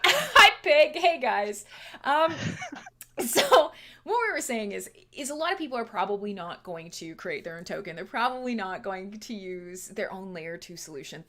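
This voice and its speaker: A Canadian woman hosts a casual livestream chat, playful and chatty, often laughing as she talks. Her voice is medium-pitched with a sharp tone.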